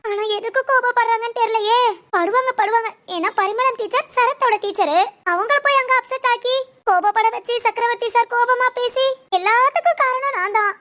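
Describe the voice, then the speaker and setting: A very high, girlish voice of an anxious young wife, played by a woman. She frets aloud and coaxes her husband in a pleading, playful way. It sounds like a storybook audio drama. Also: brisk, sharp tone. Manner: fretful self-talk, coaxing and pleading. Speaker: wife of a policeman.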